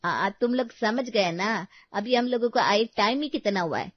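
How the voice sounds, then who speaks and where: A woman's voice: mid-range voice, expressive, normal speed, lightly acted. A woman voicing a chatty, friendly neighbor woman in a storybook tale. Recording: dry, slightly dull recording.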